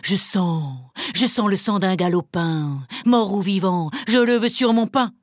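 A woman voicing a huge, gruff male ogre who growls menacingly. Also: medium pitch, unhurried, soft background music, natural voice.

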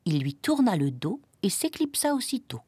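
A woman reading a children's picture book aloud in a gentle, expressive storytelling manner. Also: medium pitch, normal speed, music in the background.

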